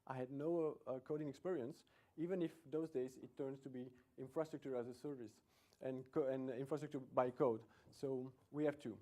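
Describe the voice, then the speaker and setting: Speaking in a lecture room, this middle-aged conference speaker from Belgium has a Belgian accent and a warm, medium-pitched, steady voice. He moves briskly with few pauses, keeping the talk chatty and self-deprecating while frequently starting sentences over.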